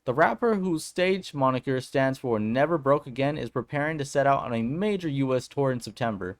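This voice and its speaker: A man's voice: mid-range voice, expressive, a little fast. A man hosting a casual commentary vlog who talks in an upbeat, slangy way and then reads a news article aloud. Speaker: political commentary vlogger.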